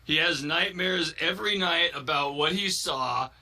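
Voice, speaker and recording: Man, comic storyteller, giggling, bright and sharp tone, slightly high voice. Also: unhurried. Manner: giggling and laughing through the telling. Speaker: video creator.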